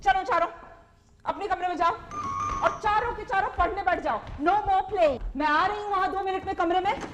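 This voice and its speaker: A woman's voice: very high voice, normal speed, over music. An actress playing a strict woman who scolds mischievous children in a 1990s TV sitcom, her voice emphatic. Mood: scolding. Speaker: mother figure in a sitcom. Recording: hissy old 1990s TV tape.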